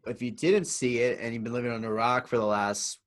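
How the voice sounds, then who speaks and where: A man co-hosting a podcast, talking in a casual, excitable, rambling way and swearing freely. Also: medium pitch, a little fast. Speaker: podcast co-host. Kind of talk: casual sports chat.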